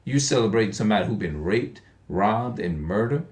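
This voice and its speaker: Man, forties, lowish voice, rambling monologue, repeats himself, frequent restarts. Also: lively intonation, brisk, a little mellow. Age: 40s. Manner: repetitive, emphatic, rhetorical questions; stumbles and restarts often. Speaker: online video speaker. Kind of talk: unscripted monologue.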